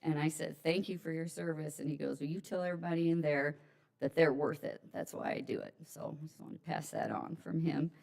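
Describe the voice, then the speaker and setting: A woman's voice: deep voice, big pitch swings, a little fast, vocal fry, a little mellow. A middle-aged woman giving a chatty, rambling memorial speech full of ums and personal stories. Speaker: eulogy speaker, friend's mother. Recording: echoey hall, mic far off.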